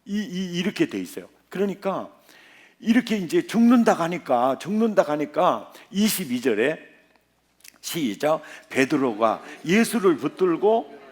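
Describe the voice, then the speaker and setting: Animated male pastor preaching a revival sermon. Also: fairly high pitch, a little slow. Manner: animated, quizzing the congregation.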